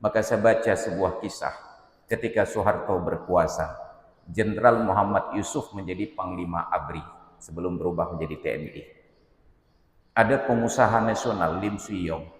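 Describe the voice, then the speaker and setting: A man's voice: sits low, normal speed. A man with an Acehnese accent preaching a sermon, stern and emphatic, telling stories. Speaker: Islamic preacher. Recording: echoey reverberant hall.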